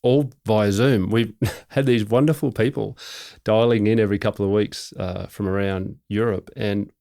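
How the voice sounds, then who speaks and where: A middle-aged man, hosting a podcast interview in a relaxed way, often repeating words and restarting. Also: fairly low pitch, moderate pace, vocal fry. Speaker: podcast host. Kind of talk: conversational interview.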